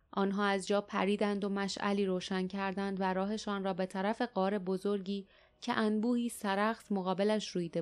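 A woman reading an audiobook aloud, calm and even, with a mid-range voice. Her storytelling is steady and measured. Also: mid-range voice. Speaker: audiobook narrator. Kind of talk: scripted narration.

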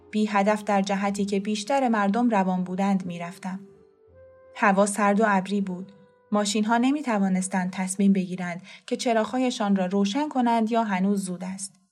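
A woman narrating a story as an audiobook, calm, measured and soft. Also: medium pitch.

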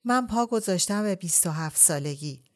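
A frank, determined young woman, read by a woman in a low voice. She speaks earnestly and plainly, pressing her point in a storybook scene. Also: expressive, natural voice.

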